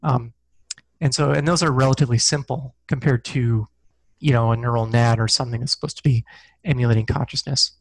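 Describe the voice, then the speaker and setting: A middle-aged physicist and science fiction author talks casually as an interview guest over a video call from a small indoor room, thoughtful and self-deprecating. His medium-pitched voice is steady and fairly quick, picked up by a headset mic with no echo but in a low-quality recording.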